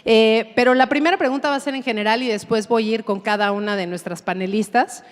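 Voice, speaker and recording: A woman's voice: on the high side, fairly even intonation, fast. Enthusiastic Mexican woman moderator, hall echo. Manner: enthusiastic, chatty with many fillers. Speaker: panel moderator. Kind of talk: live panel moderation. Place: large hall on stage. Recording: long reverb of a large hall.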